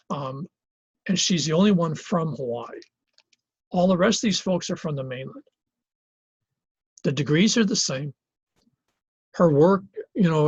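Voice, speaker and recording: Conversational male lecturer, husky voice. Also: a little high, dry recording, muffled recording. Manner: conversational, thinks aloud with many fillers and restarts. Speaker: college geography lecturer. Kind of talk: classroom lecture with discussion. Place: classroom in Hawaii.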